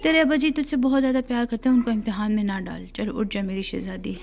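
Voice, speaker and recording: A woman voicing a caring middle-aged village mother in an audiobook story, coaxing and gently scolding. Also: on the high side, fairly even intonation, gravelly.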